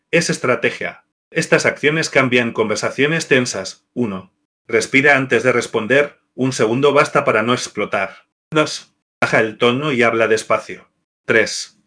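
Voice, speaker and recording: A man narrates a scripted devotional lesson with a bright, forceful tone. His reading is measured and orderly. His voice rises or drops sharply each time he announces a numbered point. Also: medium pitch.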